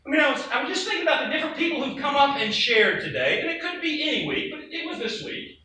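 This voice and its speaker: A man's voice: extremely high pitch, very animated, fast talker, sharp tone. A man preaching a sermon to a congregation, talking conversationally with rhetorical questions and casual asides. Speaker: pastor. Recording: echoey room, distant mic, faint noise.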